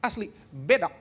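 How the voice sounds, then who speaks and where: A male pastor from Indonesia delivers a seminar sermon in a church. His voice sits high, and he keeps it animated and humorous, teasing the congregation as he goes. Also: breathy edge. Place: church hall.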